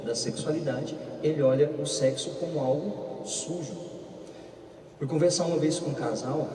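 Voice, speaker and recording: A young Brazilian man gives a lively church talk to engaged couples. He tells humorous personal stories and acts out the dialogue. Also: mid-range voice. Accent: Brazilian Portuguese. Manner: animated, humorous storyteller who acts out dialogue. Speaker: speaker at marriage preparation course. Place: large church hall. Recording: roomy hall, far from the mic, noisy.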